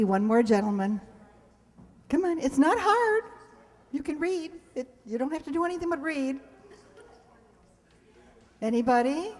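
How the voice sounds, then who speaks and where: Hall reverb fills this live stage recording of a woman hosting a show before an audience. She talks to the crowd casually, tossing in ad-libbed asides, in a high voice over slight background noise.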